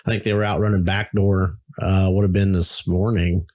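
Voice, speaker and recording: Lower-pitched man in casual chat. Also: level tone, moderate pace, a little mellow.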